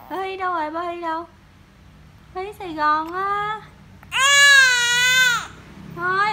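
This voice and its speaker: A woman coos and coaxes her infant with sing-song baby talk. Her voice sits very high and sounds bright. A faint hiss of noise runs underneath. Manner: coaxing, cooing, sing-song questions. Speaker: mother.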